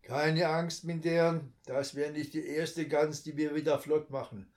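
A man's voice: a little high, level tone, measured pace, darkish tone, pitched above the performer's own voice, natural voice. A man reading a storybook and voicing a kindly fisherman who reassures two children. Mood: reassuring.

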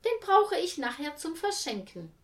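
A woman voicing a sharp-tongued, grumbling middle-aged woman in a storybook reading. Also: extremely high pitch, big pitch swings, normal speed, reverberant, pitched above the performer's own voice, exaggerated voice. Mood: warm. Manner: sharp, bossy.

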